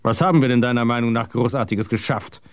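A man's voice: medium pitch, lively intonation, normal speed, no room sound, close to an everyday voice. Man doing a bitter, weary conspirator. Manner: bitter, mocking.

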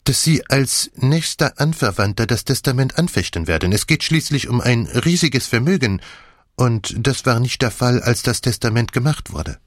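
A man's voice: medium pitch, lively intonation, moderate pace, dry recording, studio quality, pitched above the performer's own voice, lightly acted. A man voicing a fussy, theatrical older male detective in an audiobook, speaking in a prim, coaxing way. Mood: probing. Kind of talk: audiobook character voice.

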